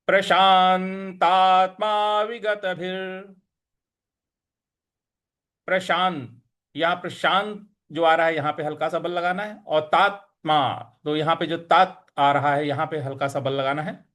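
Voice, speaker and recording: A man teaching scripture recitation, chanting verses slowly and explaining pronunciation between them. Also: a little high, a bit bright. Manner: slow measured chanting of verses, then quick plain explanations; devotional greetings. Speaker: Gita teacher.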